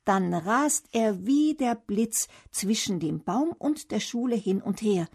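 A woman reading a children's story aloud in a gentle, even way. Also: mid-range voice, takes it slowly, breathy edge.

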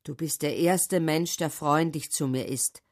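A woman's voice: low-pitched, measured pace. A woman voicing a grateful old thief. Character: grateful grown male thief, touched.

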